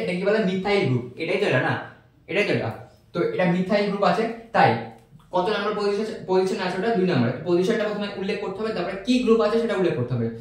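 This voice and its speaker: A man teaching a recorded chemistry lesson, patiently repeating each step and checking that students follow. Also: high voice. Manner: patient, repeats steps and asks checking questions. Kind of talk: recorded online lecture. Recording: echoey room.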